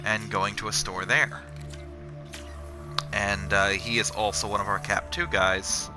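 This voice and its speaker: A man's voice: fairly low pitch, little pitch movement, a little slow. A young man chatting casually and swearing freely as he plays a video game and rambles about work. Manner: rambling, profane, sarcastic. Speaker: channel host playing a video game. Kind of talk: casual chat over gameplay. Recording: game music behind.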